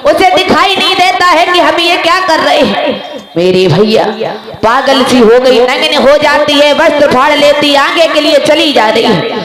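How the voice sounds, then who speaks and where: A woman's voice: high-pitched, a little slow. A woman folk storyteller narrating a devotional tale live on stage, emphatic and speaking straight to her audience. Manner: emphatic, addresses the audience directly. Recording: echoey live mic with loud crowd and music.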